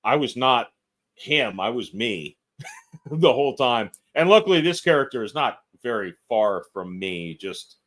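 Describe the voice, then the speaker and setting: A man's voice: mid-range voice, big pitch swings, unhurried, fairly bright tone. A man guesting on a podcast as an actor and filmmaker, talking casually and self-deprecatingly, laughing often. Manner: fidgety.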